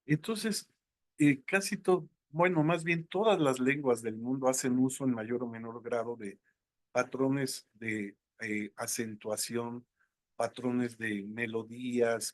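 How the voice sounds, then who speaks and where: Man, lecturer, slow and unhurried, many fillers, dry close sound. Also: medium pitch, fairly even intonation, no room sound. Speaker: instructor. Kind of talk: online lecture.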